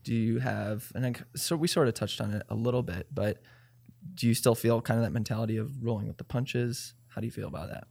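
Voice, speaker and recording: Brief: male podcast host, gravelly fry, relaxed and affirming. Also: on the low side, brisk, no echo. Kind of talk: casual interview conversation.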